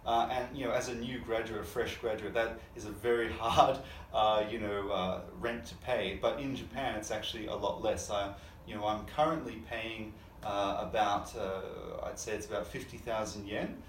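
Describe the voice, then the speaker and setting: A young man from Australia hosting a casual panel chat, relaxed and chatty with many fillers. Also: lowish voice, normal speed, slight background noise. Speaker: host. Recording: echoey room, mic at a distance.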